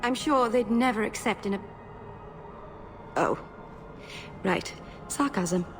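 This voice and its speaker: A woman's voice: on the high side, takes it slowly, fairly bright tone, faint music behind. An actress playing an earnest, somewhat awkward young female elf mage who speaks apologetically. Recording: game audio with clear noise.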